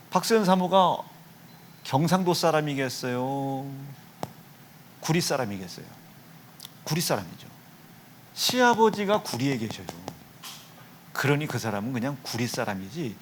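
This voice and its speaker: A man's voice: on the high side, a little hiss or hum. A middle-aged man from Chungcheong preaching a revival sermon in a church, joking and teasing members of the congregation by name. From Chungcheong, Korea. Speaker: pastor. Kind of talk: revival sermon with humorous anecdotes. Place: church sanctuary.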